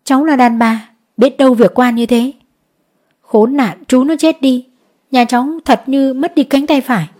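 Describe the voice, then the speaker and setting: A woman's voice: high voice, moderate pace, a little mellow, pitched above the performer's own voice. A woman voicing a poor peasant wife who pleads and cries over taxes she cannot pay. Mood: tearful. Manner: pleading, sobbing.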